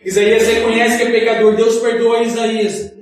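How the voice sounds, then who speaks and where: A man's voice: very high-pitched, monotone, normal speed. A man evangelist preaching a sermon to a congregation, addressing them as brothers and asking pointed questions. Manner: leads the congregation in call-and-response. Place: church hall. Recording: very echoey hall, picked up from far off.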